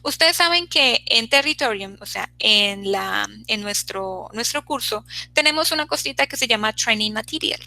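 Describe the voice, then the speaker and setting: A woman's voice: on the high side, expressive, normal speed, vocal fry, few pauses, bright, forceful tone, low-quality recording. A woman teaching an online English class, checking in constantly with her students as she explains.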